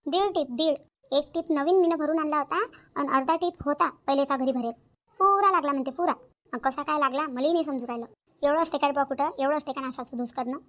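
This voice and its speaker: A woman's voice: sits high, fast, lightly acted. A woman voicing a nagging, thrifty older mother-in-law in a cartoon comedy, scolding and repeating herself. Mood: indignant. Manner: scolding, repetitive.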